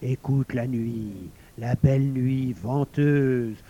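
Storybook villain: a sly, greedy wolf, rough and jeering, loud and raised; a man acts him out. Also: mid-range voice, takes it slowly, no echo. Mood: boisterous, mocking. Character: sly boastful male werewolf, hungry and mocking. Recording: dull lo-fi recording.

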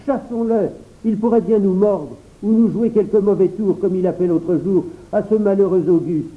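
A man's voice: sits high, normal speed, pitched above the performer's own voice, lightly acted. Brief: man voicing a bossy schoolboy, storybook, assured and explaining, phone-like tinny sound.

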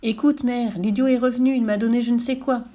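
A woman voicing a blustering fairy-tale king with a loud, abrupt delivery. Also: a little high, fairly even intonation, brisk, voice pushed up, lightly acted. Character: blustering king who turns joyful.

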